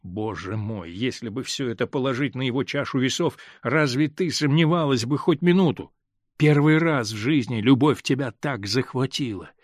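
A male reader voicing a hurt, stern middle-aged husband in an audiobook, speaking in a measured, grave way that holds back pain. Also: mid-range voice, no echo, clean studio sound, natural voice. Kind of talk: audiobook character reading.

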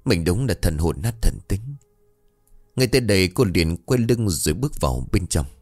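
A man telling a ghost story in steady, measured scripted narration. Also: low-pitched, no room sound, faint music behind.

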